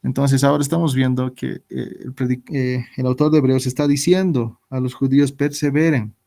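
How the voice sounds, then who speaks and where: Man, pastor teaching scripture, rhetorical questions, mid-pitched voice. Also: fairly even intonation, a little fast, vocal fry, mellow. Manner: acts out quoted voices, asks rhetorical questions. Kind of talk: Bible class teaching.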